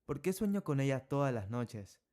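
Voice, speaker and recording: A man's voice: mid-range voice, very animated, moderate pace, dark tone, close to an everyday voice. A man voicing a tender, emotional father returning home after years away, in a storybook.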